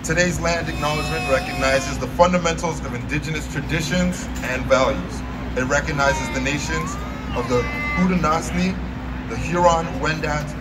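A man's voice: on the high side, moderate pace. Male MC, distant and very noisy. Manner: informal, joking, addressing a crowd. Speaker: master of ceremonies. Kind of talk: public ceremony speech with casual asides. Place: outdoor stage, recorded from back in the audience. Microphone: podium microphone, picked up by a distant camera. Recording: distant, very noisy outdoor audience recording.

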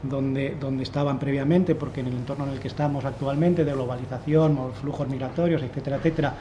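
At a panel discussion in a conference room, a fund manager in his thirties explains his analysis into a desk microphone, restarting his sentences many times. He talks fast at a medium pitch with fairly even intonation, and background noise is audible.

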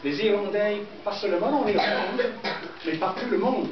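A middle-aged man from southern England, a native English speaker with an English accent, teaching a school class in simple, halting phrases with repetitions. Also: high-pitched, crowd noise. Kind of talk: classroom lesson. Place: indoor school classroom with pupils. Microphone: distant camera microphone. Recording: echoey noisy classroom, muffled, from far off.

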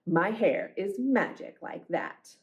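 At a kids' storytime, a woman reads from picture books in a mid-range voice, her delivery measured and full of expression.

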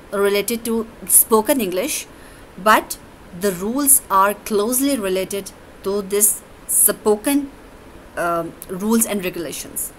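A woman teaches grammar at a painstakingly slow pace, drawing out each word. Her pitch sits in an ordinary middle range, and faint room ambience hums behind her. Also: fairly bright tone, slight background noise, low-quality recording. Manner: slow, deliberate explanations, switching between English and Urdu. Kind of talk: classroom grammar lesson.

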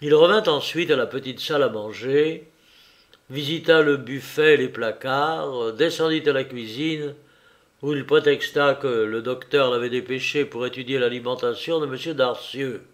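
A man giving a measured, scripted narration of a novel as an audiobook reader. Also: mid-range voice.

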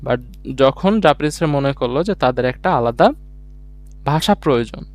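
A man's voice: medium pitch, expressive, normal speed, dry recording, soft background music. A man teaching an online language class, explaining step by step and asking himself questions as he goes. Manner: explains step by step, reads out syllable charts; rhetorical questions, mixes English words into speech.

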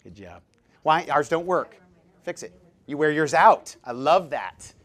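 A man giving a live seminar talk as presenter, jokey and lively, quizzing his audience with questions. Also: a little high, measured pace. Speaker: presenter at a dental practice seminar.

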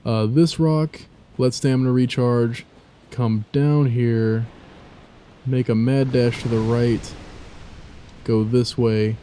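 A man's voice: mid-range voice, steady tone, slow, pauses often, dark tone, slight background noise. A young man giving casual, rambling gameplay commentary with many fillers and asides. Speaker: let's play commentator.

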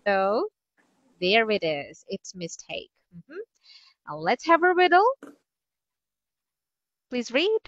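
A woman's voice: a little high, very animated, slow, long pauses, a bit bright, no echo. A woman teaching an online English lesson, cheerful and encouraging, laughing often. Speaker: ESL teacher. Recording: dull lo-fi sound.

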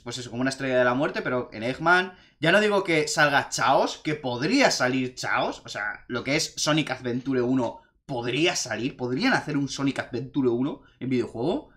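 A young man, chatting casually and excitedly as he reviews a film in a vlog, rambling from point to point. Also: fairly high pitch. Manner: excitable, rambling, animated retelling. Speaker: video reviewer.

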